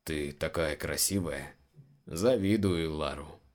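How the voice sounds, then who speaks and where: A man's voice: very deep voice, takes it slowly, darkish tone. A man reading the lines of a rueful, bluff male guard in his own voice. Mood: smitten.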